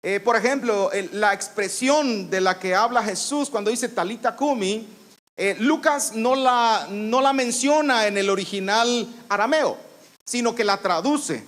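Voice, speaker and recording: In church, a pastor with a high, fairly bright voice preaches at an unhurried pace. He teaches from scripture, repeats phrases for emphasis and issues commands with authority.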